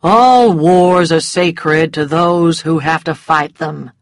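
A woman voicing a cynical, mocking gentleman who speaks in a bored, drawling way. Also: on the low side, animated, takes it slowly, no echo.

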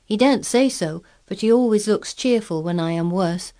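A woman's voice: medium pitch, normal speed, warm tone, pitched above the performer's own voice, natural voice. A woman reading aloud, voicing a sickly, spoiled boy who talks restlessly and resentfully.

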